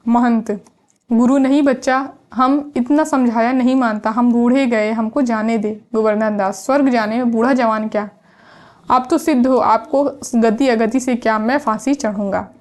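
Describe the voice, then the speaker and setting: A woman's voice: a little high, steady tone, normal speed, a little mellow. A woman teaching literature, reading a play's lines aloud and then explaining each one in plain words. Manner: reads dialogue then paraphrases it plainly.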